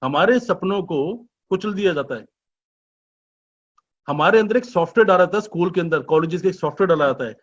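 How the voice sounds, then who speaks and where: A man giving a business presentation as an informal sales pitch, chatty and persuasive, full of rhetorical questions and teasing asides. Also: fairly quick. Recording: dull lo-fi recording.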